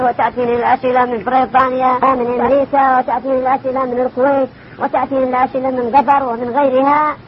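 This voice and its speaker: A man's voice: extremely high pitch, dull audio, a little hiss or hum. A religious scholar answering a question, repeating phrases as he lists examples, heard from an old worn cassette tape.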